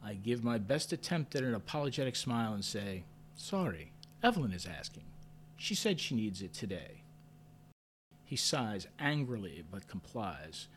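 A man narrating a story in first person with a measured, understated delivery, lifting sharply when his character asks questions. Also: on the low side, animated, slight background noise. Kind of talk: audio drama narration.

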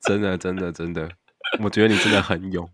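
A man with a Taiwanese Mandarin accent, co-hosting a casual chat and reacting loudly, with frequent swearing. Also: deep voice, fairly even intonation, a little fast, dry recording. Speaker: podcast co-host.

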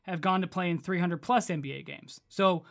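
A man with a fairly high-pitched voice co-hosts a relaxed sports podcast. He talks in an easygoing, chatty way, reading numbers aloud with frequent fillers. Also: moderate pace, creaky. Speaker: podcast co-host. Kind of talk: casual sports podcast chat.

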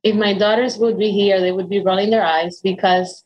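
A woman in her forties from the Dominican Republic, an interview guest with a Dominican Spanish accent, tells her story earnestly in a conversational interview, full of ums and restarts. Her mid-range voice is steady and moderately paced. The highs are cut off, and there's slight background noise.

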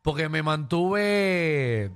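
Puerto Rican male co-host, hoarse, jokey storyteller, slightly high pitch. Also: expressive, drawn-out words. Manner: joking, self-deprecating storyteller. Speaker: radio co-host and comedian. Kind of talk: casual radio banter.

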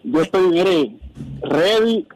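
A man's voice: sits high, animated, slow pace, darkish tone, low-quality recording. Confident Puerto Rican caller man. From Puerto Rico. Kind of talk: sports talk radio call.

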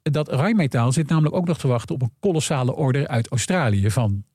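Speaking fast and with animation, this man is a guest analyst breaking down earnings calls, slipping into imagined dialogue as he explains. His mid-range voice has a darkish tone and a breathy edge, captured in a dry, clean studio recording.

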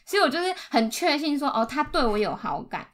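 A woman's voice: sits high, big pitch swings, fairly quick, over a noisy crowd. A woman with a Taiwanese accent telling personal stories in a casual podcast chat.

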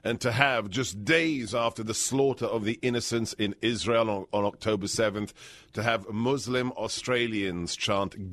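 A man's voice: fairly low pitch, fairly bright tone. A man hosting an interview, speaking with a dramatic, rhetorical delivery. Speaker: host.

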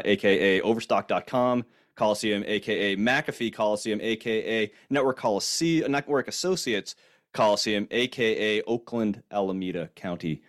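A man hosting a conversational interview, playful and prone to restarts and fillers. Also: fairly low pitch. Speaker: podcast host.

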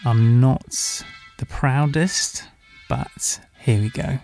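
A man's voice: mid-range voice, drawn-out words, creaky, music in the background. A young man who grew up in Hong Kong tells a funny personal story on a podcast, candid and self-mocking. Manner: candid, self-mocking, lively when recalling.

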